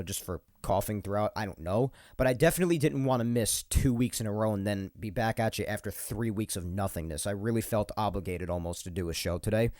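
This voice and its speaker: On a podcast microphone, a young New York host speaks in a lowish, slightly mellow voice, with a dry, studio-quality sound. His casual solo monologue is a bit nasal from a cold, and he rambles, says things twice, and laughs between points.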